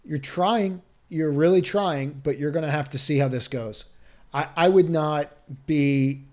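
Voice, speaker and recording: A stock market analyst shares his screen and thinks aloud over the charts, offering cautious advice with restarts and rhetorical questions. His voice is a little high and darkish, at a measured pace.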